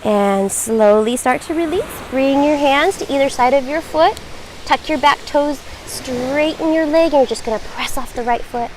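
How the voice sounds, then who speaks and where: High-voiced woman leading yoga. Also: a little hiss or hum, low-quality recording. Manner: encouraging, reassuring, measured cueing. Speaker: yoga instructor. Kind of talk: guided yoga class instruction.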